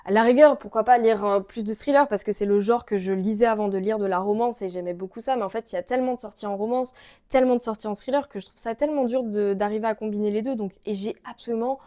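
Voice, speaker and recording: Mellow-voiced chatty young French woman. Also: medium pitch, fast talker. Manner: chatty and gushing, many fillers. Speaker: book vlogger. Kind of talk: casual chat to camera.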